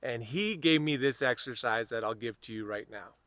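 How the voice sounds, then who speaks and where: An American man giving a slow, earnest spiritual self-help lesson, speaking softly and repeating phrases. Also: mid-range voice, dry recording. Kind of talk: guided spiritual talk to camera.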